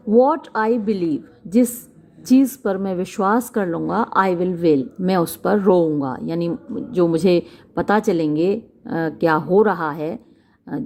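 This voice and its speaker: A woman teacher explaining a play line by line, reading each English phrase slowly and then glossing the words one by one. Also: on the low side, warm tone. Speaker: literature teacher.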